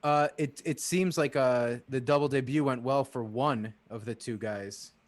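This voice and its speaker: A man's voice: unhurried, no room sound. A man co-hosting a casual baseball watch-party podcast, joking and laughing with friends. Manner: laughing, playful, mimics friends in high squeals. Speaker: podcast co-host.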